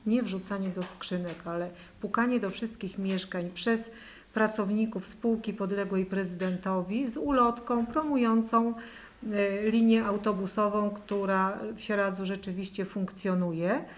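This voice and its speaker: A woman's voice: mid-range voice, steady tone, a little slow. A middle-aged woman, a mayoral candidate, giving an earnest statement at a press conference with frequent hesitations, recorded indoors on a table microphone.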